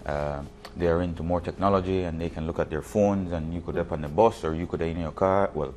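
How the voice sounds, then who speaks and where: In an indoor TV studio interview, a man who works as a basketball league official talks fairly quickly in a low, steady, darkish voice, repeating words while explaining. His lapel mic picks up slight background noise.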